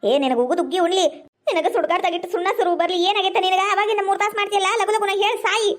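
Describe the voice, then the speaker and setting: Shrill, very high-pitched and cutting, this is a quick-tempered village housewife with a North Karnataka accent, as a woman acts her out. She scolds and curses her slow neighbour in a comedy skit. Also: slight background noise. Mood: impatient scolding. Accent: North Karnataka Kannada. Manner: scolding, impatient, cursing. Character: short-tempered village housewife, sharp-tongued.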